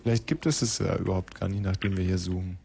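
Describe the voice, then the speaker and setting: A man's voice: low-pitched, fairly even intonation, fast talker, creaky, a little mellow, slight background noise. A man hosting live radio, joking and laughing as he narrates the studio chaos play-by-play. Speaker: radio host.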